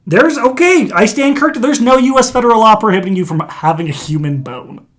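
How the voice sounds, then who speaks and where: A man's voice: sits high, animated, fairly quick, a bit bright. A young man co-hosting a casual podcast, explaining things and reading facts aloud. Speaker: podcast co-host. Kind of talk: casual chat.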